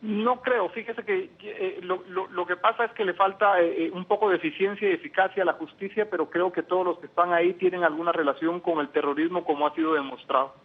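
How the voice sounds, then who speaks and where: A man answering as a security expert in a news interview, measured and hesitant with fillers. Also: high-pitched, fairly even intonation, husky. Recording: tinny phone line, dry.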